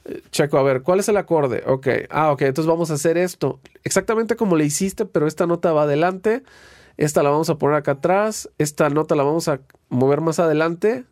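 A young Mexican man, a guitarist and producer being interviewed, telling relaxed, rambling stories full of slang and restarts. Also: fairly high pitch, brisk, dry recording, clean studio sound. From Guadalajara, Mexico. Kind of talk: casual conversational interview.

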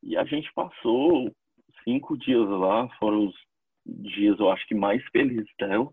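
Man, grieving interviewee, husky voice through a tinny phone-like line. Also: lowish voice, no room sound. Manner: grieving, halting, repeats entendeu. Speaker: interviewee, bereaved brother. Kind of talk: emotional testimony.

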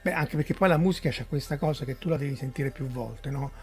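A man's voice: mid-range voice, quick pace, faint music behind. A man hosting a casual chat, asking curious questions with frequent hesitations and restarts.

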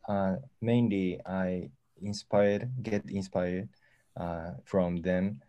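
A man with a Japanese accent, a musician speaking halting English while searching for words in an interview. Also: deep voice, steady tone, mellow. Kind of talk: casual interview answers.

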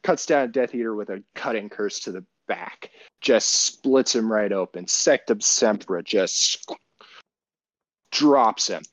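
A man's voice: lowish voice, a little slow, no echo. A man co-hosting a casual podcast, retelling a story in a profane, rambling way with many restarts. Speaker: podcast co-host.

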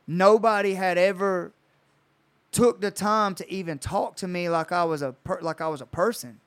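A young man tells a story on a podcast, swearing freely and acting out what people said to him. His voice is fairly high for a man and sounds clear and smooth. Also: normal speed, a bit bright. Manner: storytelling, retells conversations with swearing. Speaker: coach. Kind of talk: casual podcast chat.

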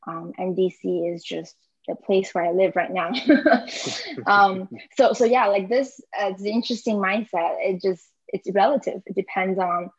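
A woman's voice: medium pitch, normal speed, husky, lo-fi sound. Hesitant young woman from southern China. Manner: hesitant, many fillers, frequent laughs. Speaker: podcast guest. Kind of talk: casual conversation.

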